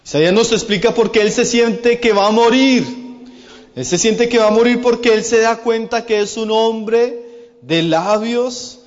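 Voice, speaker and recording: A man delivering a sermon with a high, light voice, stretching out his quoted verses slowly and earnestly. His words ring out with a long reverb across a church hall, and the recording sounds a little dull and muffled. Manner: earnest preaching with slow, drawn-out emphasis on quoted verses; addresses listeners as brothers. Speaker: preacher.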